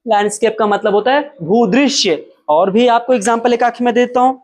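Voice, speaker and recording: A man teaching a spoken lesson, explaining emphatically, asking and answering his own questions, and repeating example words slowly and drawn out. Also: very high-pitched, darkish tone.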